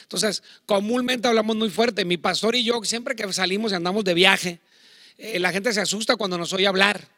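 A middle-aged Mexican man preaching in a high, bright voice. He talks loud and chatty, wandering into asides, and the sound is dry and close. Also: moderate pace, no room sound. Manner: loud, self-admittedly talks shouting. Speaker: pastor. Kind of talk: sermon on marriage to online viewers.

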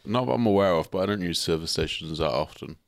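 A young man from England co-hosting a casual chat, cracking crude jokes with deadpan asides. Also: low-pitched, quick pace. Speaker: podcast co-host.

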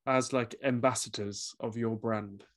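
A man hosting his own podcast who speaks in an easygoing, reflective way. He uses casual fillers as he works through his thoughts and laughs along often. His voice sits at a middle pitch. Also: steady tone, a little slow. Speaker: podcast host. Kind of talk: conversational interview.

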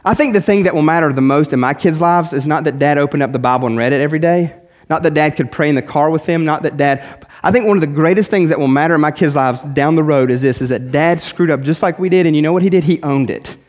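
A man preaching a sermon, repeating words and moving between urgent pleading and quiet, earnest talk. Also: on the high side, fast talker. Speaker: pastor.

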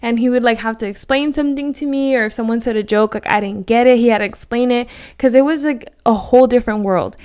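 A woman's voice: fairly high pitch, fast talker, few pauses, darkish tone, clear, resonant tone. A woman in her thirties hosting a casual solo podcast, chatting loosely with many "like" fillers and dropping Spanish words. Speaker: podcast host.

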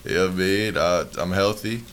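A young man with a low, smooth radio-style voice hosts a casual podcast. His talk is slangy and laid-back, full of "you know what I mean", with faint noise behind it. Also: brisk, a bit bright. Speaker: podcast host.

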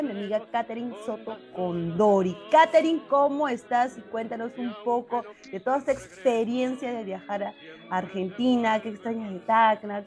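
A woman's voice: a little high, a little mellow. Woman hosting an interview. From Peru. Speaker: show host.

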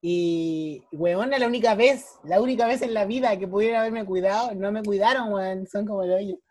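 A woman's voice: mid-range voice, normal speed, darkish tone, no room sound. Blunt young Chilean woman, dry sound. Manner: blunt and teasing, uses slang. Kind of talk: casual chat.

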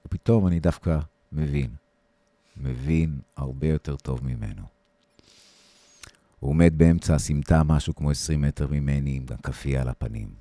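A man reading a short story aloud on a podcast, with shifting intensity and a raised voice for the shouted lines. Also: rumbling low, dry recording.

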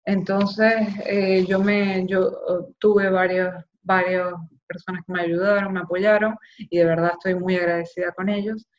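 A young woman from Zulia, Venezuela, with a Maracaibo accent, giving candid, expressive personal testimony in an interview. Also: medium pitch, unhurried. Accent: Maracaibo Venezuelan Spanish. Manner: candid and expressive, acting out quoted voices. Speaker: interviewee, journalist. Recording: slightly dull lo-fi sound.

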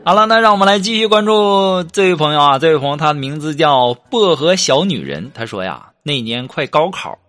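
Lively man telling jokes. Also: on the high side, a little fast, hardly any pauses. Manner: animated, swings between quiet asides and loud punchlines. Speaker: host of a joke show. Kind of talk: comedic joke storytelling.

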